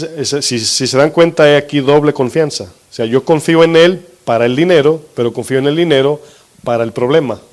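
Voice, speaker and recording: This is a steady, teaching-style sermon from a mid-pitched male pastor who poses questions to those listening. When he reaches scripture, he deliberately slows for emphasis.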